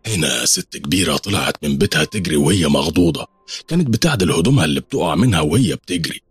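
A man with an Egyptian accent narrating a horror story in a lively, dramatic way. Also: a bass voice, fast talker, husky, no echo. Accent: Egyptian Arabic.

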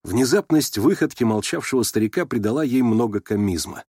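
A man narrating a classic novel in a steady, measured audiobook reading. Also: medium pitch, breathy edge, no echo, studio quality.

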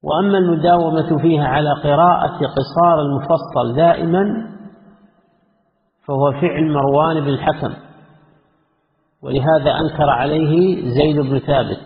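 A man giving a religious lesson, reading quoted passages from a classical text and explaining them in a measured way. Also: on the high side, fairly even intonation. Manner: measured, reads quoted passages then comments. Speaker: Islamic scholar teaching a text. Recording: echoey hall, tinny phone-like lo-fi audio.

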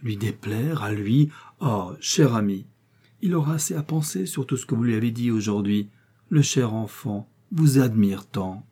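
A man's voice: mid-range voice, moderate pace, mellow, slightly rough. A man voicing a vain young heiress who speaks with affected, falsely modest politeness.

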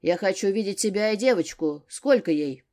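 A woman reading an audiobook, voicing a gruff, commanding older father who barks his words. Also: mid-range voice, lively intonation, normal speed, darkish tone, close to an everyday voice. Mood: stern. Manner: barking, stern.

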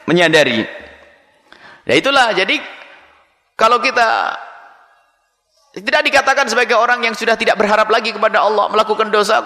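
Animated preacher man in a reverberant hall. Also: high voice. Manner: animated, playful, acts out examples. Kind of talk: Ramadan sermon.

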